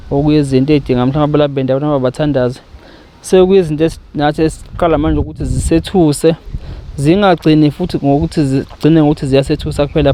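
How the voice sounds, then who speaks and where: A man's voice: fairly high pitch, mellow, clean tone, no room sound. A South African man with a Zulu accent, hosting and interviewing in a conversational way, mixing in some English words. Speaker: host for a community aid organisation. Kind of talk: spoken introduction and interview, code-switching with some English words.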